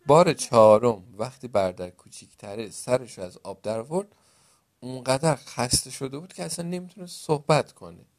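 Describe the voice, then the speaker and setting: A male storyteller reading a folk tale aloud at an average pitch. He pauses to explain words and to ask the listener questions, like a teacher.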